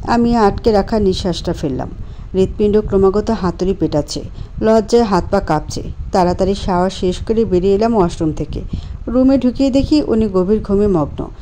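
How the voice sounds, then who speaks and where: A woman narrates a romantic story in the first person, gentle and expressive. Her tone is warm and mellow at a middle pitch. Faint hiss sits under the voice. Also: fairly quick.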